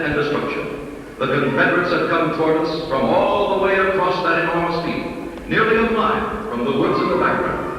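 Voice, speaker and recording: A man giving measured, solemn scripted narration, played over hall loudspeakers and caught on an old VHS home-video tape. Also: fairly high pitch. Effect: old VHS home-video recording of a loudspeaker playback. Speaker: recorded presentation narrator. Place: large indoor exhibition hall. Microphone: camcorder mic far from speakers. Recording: echoey hall, far off, faint hiss.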